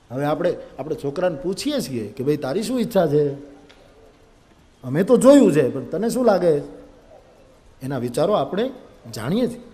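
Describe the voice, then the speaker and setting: A man with a Gujarati accent telling a humorous religious story in a sermon, acting out the characters' lines. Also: high-pitched. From India. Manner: animated, acts out characters, audience laughter. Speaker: spiritual storyteller. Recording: long-reverb hall, live event.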